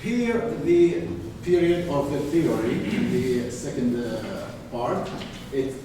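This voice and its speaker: A male student giving a class presentation, pausing often with fillers, recorded from a distance in a classroom. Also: mid-range voice, very animated, warm tone, a little hiss or hum. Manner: hesitant, many fillers. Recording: echoey classroom from far off.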